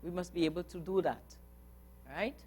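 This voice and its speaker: A woman's voice: fairly low pitch, normal speed, darkish tone, slightly rough, soft background music. Earnest woman coaching a group. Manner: earnest, coaxing, asks the audience questions. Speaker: religious sister giving a talk. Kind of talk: workshop talk on nonviolent communication.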